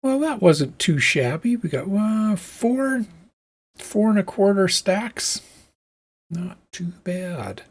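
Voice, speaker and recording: An unhurried let's-play host muses aloud through a building session. The voice carries a soft, husky grain, and the delivery is relaxed and deliberate, working through counts and plans one step at a time. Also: mid-range voice. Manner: musing aloud, thinking through tasks step by step. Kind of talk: casual gameplay commentary.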